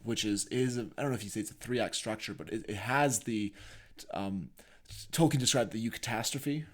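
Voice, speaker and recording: A podcast co-host with a voice on the low side talks at a moderate pace. In a conversational discussion, he reflects and thinks aloud as he explains his ideas.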